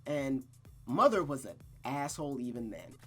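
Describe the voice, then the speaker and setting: Streaming a visual novel, a man shifts between narrated reading and casual, profane recap chat full of slang, exclamations, and emphatic repetition. His mid-range voice is sing-song and sharp with a breathy edge, at a moderate pace, with faint music behind.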